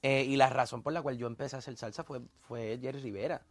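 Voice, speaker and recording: A man's voice: medium pitch, steady tone, fast. A man, a salsa singer, talking about how he started singing, in an interview clip played on the show.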